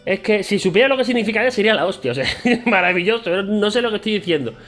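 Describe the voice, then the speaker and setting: A man from Spain with a Spain Spanish accent talks straight to camera in a loose, chatty vlog. His voice sits high for a man, and his tone is playful and self-mocking. Faint guitar music plays behind him. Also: lively intonation, very fast, fairly bright tone. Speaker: vlogger. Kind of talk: casual chat to camera.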